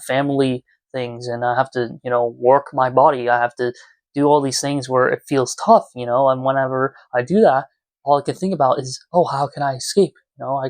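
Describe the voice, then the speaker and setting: In a casual, confessional vlog shot in his small room at home, a twenty-year-old YouTuber addresses viewers earnestly and reflectively. He speaks at medium pitch on a dry recording.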